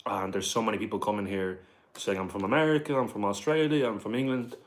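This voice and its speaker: Talking fast in a fairly low, steady voice, an Irish host with a Dublin accent runs a laid-back livestream. He reads out questions from viewers and answers them, leaning heavily on "like" and "bro."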